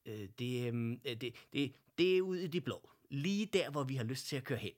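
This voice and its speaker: A man voicing a cheerful, bold female teddy bear in a children's story, talking briskly and eagerly. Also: medium pitch, steady tone, lightly acted. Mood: eager, bossy. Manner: brisk and eager, sometimes stumbling.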